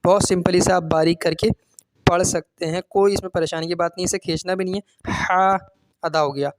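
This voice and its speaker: Patient, high-voiced male Quran teacher. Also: fairly even intonation, dry recording. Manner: patient, repeats letters slowly and stretches them out; asks questions and answers them himself. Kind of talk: step-by-step recitation lesson.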